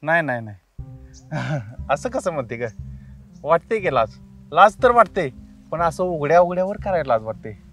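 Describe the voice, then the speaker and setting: A pushy, leering village man who bullies and taunts a young woman, speaking. His voice sits high for a man, with faint music underneath. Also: expressive, a little slow, long pauses, a bit bright. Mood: wheedling. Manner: taunting, bullying. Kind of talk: web series acting.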